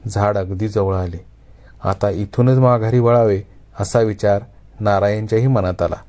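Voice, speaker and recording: A male storyteller reads a story aloud with measured, expressive phrasing. His voice is low-pitched and dark in tone. He builds the scene slowly and carefully. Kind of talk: Marathi kathakathan storytelling.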